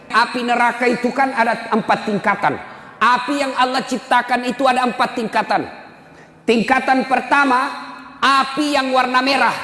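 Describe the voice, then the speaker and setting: A man's voice: very high-pitched, fairly bright tone. A middle-aged male preacher, giving an emphatic, teasing sermon that addresses listeners directly. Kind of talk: lively sermon with storytelling. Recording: echoey hall with long reverb.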